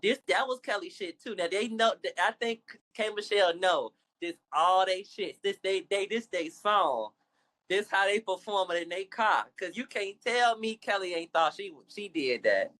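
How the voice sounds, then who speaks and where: A woman co-hosting a casual reality TV recap, animated and quick to mimic the cast. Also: mid-range voice. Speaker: podcast co-host.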